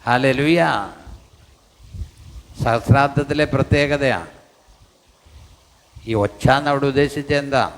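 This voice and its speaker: A man's voice: medium pitch, steady tone, slow, long pauses. An older man, preaching a sermon emphatically and repeating lines for the congregation. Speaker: pastor. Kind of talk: sermon with congregation reading scripture.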